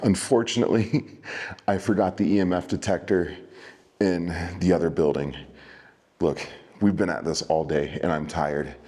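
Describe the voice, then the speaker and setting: A man hosting a night investigation vlog, talking to the camera and calling out with deliberate pauses. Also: low-pitched, steady tone, warm tone. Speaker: vlog host, ghost investigator.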